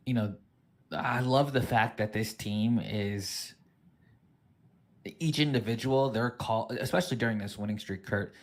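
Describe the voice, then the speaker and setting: A man's voice: medium pitch, unhurried. A man hosting a live esports show, upbeat and asking his guest questions. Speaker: host.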